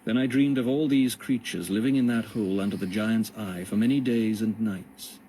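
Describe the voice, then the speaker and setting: A man narrating a storybook in a measured reading. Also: on the low side, dark tone, a little hiss or hum. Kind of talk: audiobook narration.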